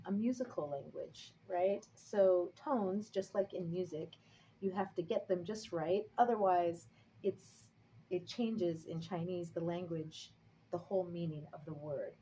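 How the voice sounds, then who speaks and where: A woman's voice: fairly low pitch, dark tone, a little hiss or hum, poor audio. A woman whose first language is English, teaching a casual lesson in a chatty, upbeat way and singing out example tones. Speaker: language and tai chi teacher.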